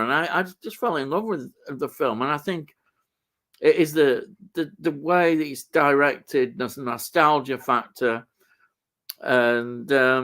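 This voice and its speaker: An older man from Yorkshire with a local accent and a slightly high-pitched voice. He hosts a relaxed chat about film and television, talking with enthusiasm and wandering from thought to thought. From Yorkshire, England. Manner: enthusiastic, rambling. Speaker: show host.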